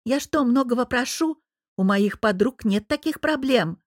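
A woman's voice: lively intonation, unhurried, dry recording, studio quality. A woman voicing a defiant young wife. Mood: upset arguing. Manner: pleading and defensive, rising pitch. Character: young wife, dance teacher, defiant and hurt.

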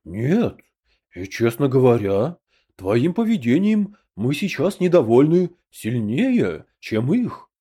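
A calm, stately emperor speaks of himself as "we", as a man reads him in an audiobook. The voice is mellow and low, and his pitch moves freely through each line. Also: slow pace, slightly rough, exaggerated voice. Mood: dignified. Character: grand portly human emperor, calm and principled.

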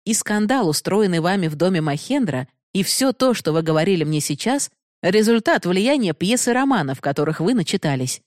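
A woman's voice: fairly low pitch, lively intonation, brisk, darkish tone, dry recording, clean studio sound, voice pushed up, lightly acted. A woman voicing a stern, upright young man who lectures firmly and holds back his feelings. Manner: firm, lecturing.

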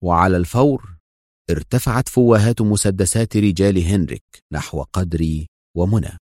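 A man narrating an adventure novel in a measured, storytelling manner. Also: low voice, darkish tone, no room sound, studio quality. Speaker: audiobook narrator.

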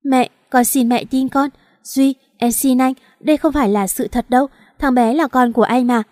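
A woman's voice: high-pitched, steady tone, normal speed, darkish tone, no echo, studio quality, close to an everyday voice. A woman voicing a scheming, spiteful young wife who pleads and begs. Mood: pleading. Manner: pleading, begging.

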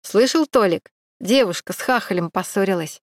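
A woman's voice: mid-range voice, animated, moderate pace, dry recording, lightly acted. A cocky, half-drunk young lout who jeers and taunts with a sneer in every line, as a woman narrator puts him on. His voice is close and dry. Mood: mocking. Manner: sneering, mocking. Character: tipsy mocking young male street thug.

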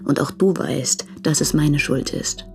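A woman's voice: low-pitched, unhurried, soft background music. An actress playing a married woman in a radio play, torn between her husband and a lover, speaking earnestly and pleadingly.

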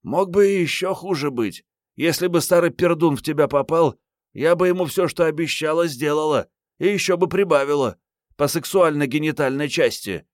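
A man's voice: a little high, moderate pace, dry recording, studio quality, voice pushed up, lightly acted. A male audiobook reader voicing a bold, teasing young woman fighter. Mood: brash teasing.

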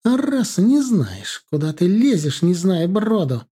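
A man's voice: on the high side, expressive, moderate pace, pitched above the performer's own voice. A man voicing an irritable, reproachful middle-aged mother who runs a kindergarten, in an audiobook. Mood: indignant. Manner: sharp, reproachful, indignant. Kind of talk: audiobook character voice.

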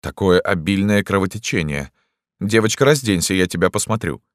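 A man's voice: deep voice, a little fast, dry recording, studio quality, lightly acted. A man doing a fussy old doctor. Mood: absent-minded. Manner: fussy, petulant, absent-minded. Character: small fussy older male doctor, grey-bearded and petulant. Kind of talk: audiobook character voice.

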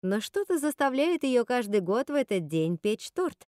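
A woman's voice: on the high side, sing-song, normal speed, a little mellow, dry recording, studio quality, pitched above the performer's own voice. A woman voicing a scheming, cruel witch sister who snaps and gloats. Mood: snappish. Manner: snappish, cold, gloating.

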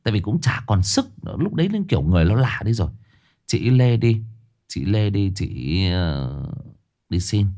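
A man with a fairly low voice tells a harrowing story straight to his listeners. His pitch leaps high for emphasis, then sinks low and somber, in loose, chatty speech full of restarts. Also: moderate pace. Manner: animated, swings from high emphatic bursts to low somber drops; addresses listeners directly, casual with restarts.

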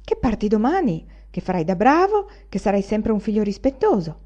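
A woman's voice: mid-range voice, big pitch swings, normal speed, mellow. A woman reading as an anxious proud young student. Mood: agitated. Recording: dull lo-fi recording.

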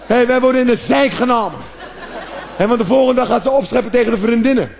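High-voiced Dutch-speaking comedian, animated. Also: male voice, fast talker, gravelly, slight background noise. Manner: animated, shouting outbursts and acted-out noises. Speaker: stand-up comedian. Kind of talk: stand-up comedy routine.

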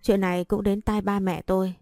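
Mellow-voiced woman narrating a story. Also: medium pitch, level tone, brisk, no echo, studio quality, faint music behind. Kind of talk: first-person story narration.

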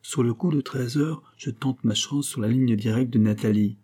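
A man narrating a novel in the first person, in a measured, intimate way. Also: medium pitch, dark tone, husky. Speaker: audiobook narrator.

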